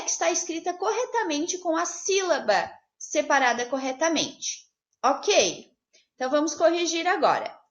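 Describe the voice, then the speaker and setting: A woman teaching young children from afar, her voice high and full of swooping rises and falls. She talks in slow, sing-song phrases and breaks words into syllables for her pupils. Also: fairly bright tone, dull audio. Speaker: primary school teacher. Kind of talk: remote class lesson.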